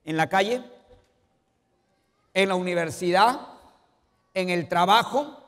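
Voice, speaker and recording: A man delivers a sermon in a high, lifted voice. He quizzes his listeners and moves from forceful emphasis to quiet asides. His words trail off into the long reverb of a church hall. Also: slow. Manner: asks the congregation questions, swings between loud emphasis and quiet asides. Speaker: pastor. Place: church sanctuary.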